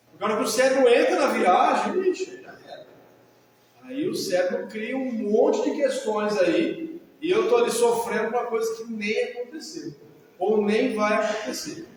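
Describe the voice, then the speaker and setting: A man with a Brazilian accent gives a didactic talk on the mind. His voice sits high for a man and he keeps asking his listeners short checking questions. He is picked up from a distance in a big, very echoey hall with a long tail of reverb and faint background noise. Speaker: mental health professional. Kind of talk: lecture to an audience.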